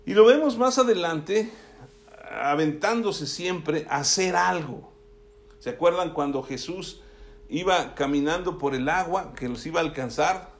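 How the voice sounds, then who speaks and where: This sermon features a man whose voice runs on the high side, reading the Bible aloud and then explaining the passage conversationally. He keeps checking on his listeners with brief tag questions.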